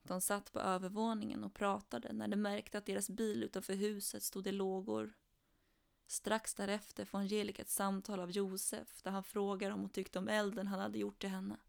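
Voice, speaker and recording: Flat, gravelly woman telling true crime. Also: mid-range voice.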